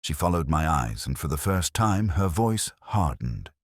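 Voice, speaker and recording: In a full character voice, a man portrays a melancholy, weary English police inspector recounting his own case as scripted first-person mystery narration. His voice is extremely low and husky yet lively in pitch, brooding and literary in a measured radio-drama style, with a watchful mood and clean, room-free studio sound.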